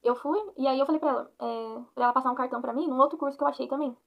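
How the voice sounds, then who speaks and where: A young Brazilian woman tells her faith story in a rapid, rambling, earnest flow on her own channel. Her voice sits high and carries a gravelly fry. The recording sounds dull and lo-fi. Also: steady tone. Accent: Brazilian Portuguese. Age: 20s. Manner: rambling, earnest, frequent tag questions. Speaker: vlogger. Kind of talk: personal faith testimony.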